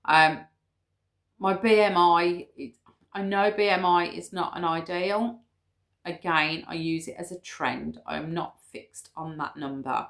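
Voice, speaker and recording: Speaking in British English, this woman in her fifties vlogs about weight loss, casually explaining her numbers to camera one step at a time and saying um often. Her voice is on the low side and fairly bright, with a steady tone and a measured pace.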